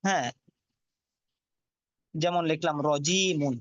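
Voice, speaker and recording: A man teaching a Quran reading lesson, slowly reciting and spelling Arabic letters aloud in a drilled rhythm. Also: fairly high pitch, fairly even intonation, a bit bright, no echo, muffled recording.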